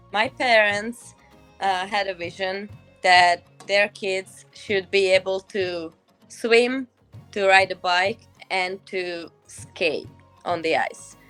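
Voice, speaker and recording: A young woman with a Hungarian accent, answering casual interview questions in English at an unhurried pace, often pausing to search for words. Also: mid-range voice, fairly bright tone. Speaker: guest, professional hockey player.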